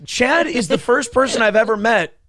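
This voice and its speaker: A man's voice: extremely high pitch, normal speed. A man hosting a podcast, casually commenting on a clip with swearing and mocking imitations. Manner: animated, profane, mocking imitations. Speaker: podcast host.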